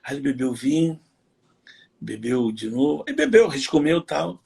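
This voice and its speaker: Husky middle-aged man telling earnest stories. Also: mid-range voice, sing-song, moderate pace, a little mellow. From Brazil. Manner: earnest storytelling with many fillers. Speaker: pastor. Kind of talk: personal testimony in a live interview.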